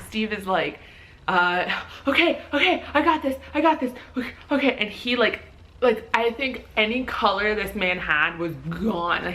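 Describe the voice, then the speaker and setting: Young adult woman vlogger with a bright, lively voice, doing casual storytelling. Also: mid-range voice, a little hiss or hum. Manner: animated, acts out quoted voices, many fillers like "like". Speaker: vlogger and new mother.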